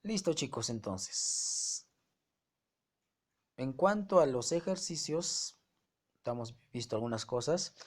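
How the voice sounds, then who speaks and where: In an online class, a male teacher walks his students through a grammar lesson, speaking slowly with long pauses in an expressive, medium-pitched voice. He often checks their understanding with rhetorical questions.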